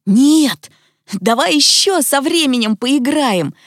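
A woman voicing a sleepy, whiny young schoolboy who pleads and stammers in a high voice. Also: lively intonation, takes it slowly, dry recording, clean studio sound. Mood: pleading.

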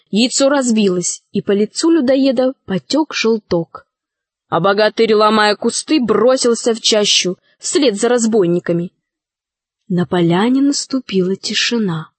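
A woman narrating a children's fairy tale in an audiobook with lively, expressive reading. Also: medium pitch, no room sound. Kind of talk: storybook narration.

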